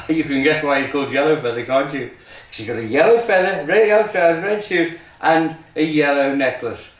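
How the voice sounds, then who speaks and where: A man's voice: fairly high pitch, fairly quick. A man performing as a kids party magician and children's host, telling stories in simple, repeated phrases with exaggerated mock surprise and pantomime questions. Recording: roomy echo, distant microphone.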